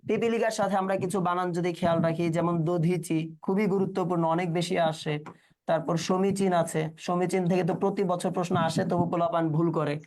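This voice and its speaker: A man's voice: high voice, steady tone, quick pace, darkish tone. A man teaching an exam-prep class, quizzing students and repeating their answers back in a casual way.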